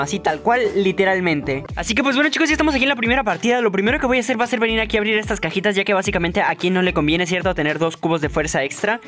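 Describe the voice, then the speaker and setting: Young male gaming host; quick, playful and hyped, bursting into shouts. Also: high voice. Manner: excitable, playful, addresses viewers, shouts at big moments. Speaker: gaming YouTuber. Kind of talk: energetic gameplay commentary.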